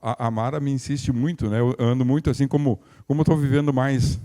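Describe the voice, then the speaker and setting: A man's voice: mid-range voice, steady tone, fairly quick, warm tone. An older male pastor, preaching in a folksy, conversational way with humorous asides and frequent restarts. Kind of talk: sermon.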